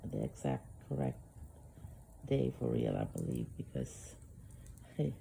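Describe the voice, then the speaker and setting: A freshly woken woman chats in a slow, meandering way on her living-room couch, with a gravelly, fry-heavy voice that sits low and dark. She trails off, restarts and fills gaps with soft "ums" and chuckles. Faint room noise sits quietly behind her. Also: huge pitch swings, rough recording. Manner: rambling and hesitant, many fillers, soft chuckles. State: groggy, just woke up. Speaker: vlogger. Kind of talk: casual morning vlog.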